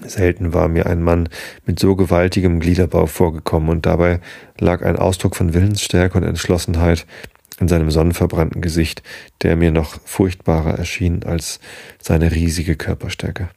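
A man narrating an audiobook in a measured way, now and then restarting a word. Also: sits low, little pitch movement, gravelly, mellow, no room sound, clean studio sound.

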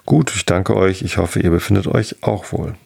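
A man's voice: low voice, normal speed, creaky, darkish tone, slightly rough, exaggerated voice. A man voicing a hapless, tipsy countryman in a folk tale, fawning and flowery in his politeness.

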